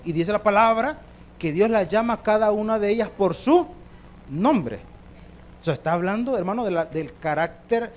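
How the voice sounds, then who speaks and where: A Salvadoran man preaching at a church service in a high tenor voice. He drives his points home by repeating questions and calling the listeners brother, with a faint hiss of noise behind him. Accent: Salvadoran Spanish. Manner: emphatic, repeats phrases, addresses listeners as brother. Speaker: pastor. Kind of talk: sermon.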